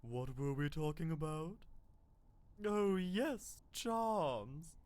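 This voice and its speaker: Doting, dreamy charm-shop keeper voiced by a man, unhurried and lilting, game dialogue over ambience. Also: on the high side, animated, a little mellow. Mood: dreamy, gushing. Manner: sweet, unhurried, gushing. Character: cozy, doting charm shopkeeper, chatty and dreamy.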